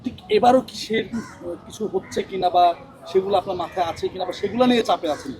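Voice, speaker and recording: A man's voice: high voice, fast, a little mellow, poor audio. A man with a Bangladeshi accent putting unscripted questions as a reporter at a press interview. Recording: clear background noise.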